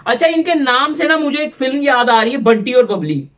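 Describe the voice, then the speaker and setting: A man's voice: very high voice, animated, a little fast, fairly bright tone. A man from Pakistan hosting a reaction channel, chatting casually and rambling as he drops English phrases into his talk. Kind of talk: casual chat reacting to a film trailer.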